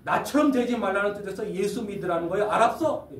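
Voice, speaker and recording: Preacher doing a gruff scolding prisoner. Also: male voice, high-pitched, expressive, fast talker, slight background noise. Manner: bossy, scolding, threatening. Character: gruff male death-row prisoner preaching bluntly. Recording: echoey hall from far off.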